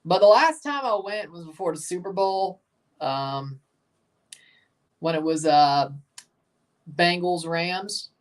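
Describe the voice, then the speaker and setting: A man's voice: high-pitched, slow pace, long pauses. American guy chatting casually, off the mic. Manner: rambling, informal, replying to viewers in short bursts. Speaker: livestream watchalong host. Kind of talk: casual livestream chat with match commentary. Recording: voice some distance from the mic.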